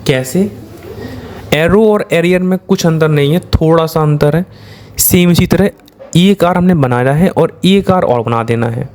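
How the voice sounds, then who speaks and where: An Indian-accented man talks through a shorthand lesson in a fairly high voice. He works step by step, putting questions to his students and answering them himself in a patient, repetitive classroom manner. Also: unhurried, a little mellow, slight background noise. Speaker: shorthand teacher.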